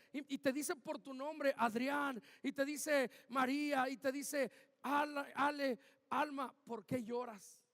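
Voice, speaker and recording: A pastor with a very high voice preaches, jumping into loud, emphatic bursts when he acts out quoted lines. His voice rings through a church hall with a long, echoing tail. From Mexico. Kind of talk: sermon.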